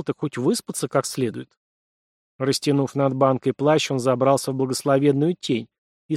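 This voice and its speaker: A man reading an adventure novel aloud as an audiobook narrator, in steady, even storytelling. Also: medium pitch, dry recording, studio quality. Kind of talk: scripted narration.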